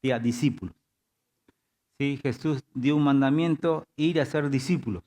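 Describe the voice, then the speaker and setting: Male pastor, mid-pitched voice, interactive church sermon style with frequent call-outs to the congregation. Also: moderate pace, a little mellow. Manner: repeats "diga" and "¿sí?" to engage the congregation.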